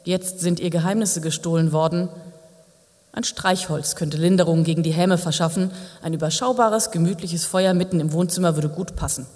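A male audiobook narrator who reads with dry, wry asides. His voice sits a touch high. The recording carries a long hall reverb. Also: fairly even intonation, moderate pace, darkish tone.

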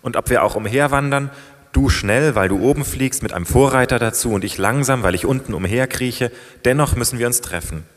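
A man's voice: medium pitch, a little fast, natural voice. A man reading aloud and voicing a stubborn, cheeky young man who mocks a crowd. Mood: taunting. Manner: taunting, shouting. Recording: long hall reverb.

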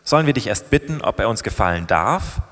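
A man voicing a gruff impatient tavern guest. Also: on the low side, big pitch swings, brisk. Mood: sharp. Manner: sharp, scolding. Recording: long hall reverb.

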